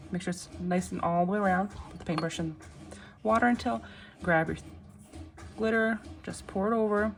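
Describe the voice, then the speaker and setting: A woman giving a casual, step-by-step craft tutorial in a reassuring, unhurried way, often checking in, with machine noise behind her. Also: mid-range voice. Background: machines running, clicking sounds.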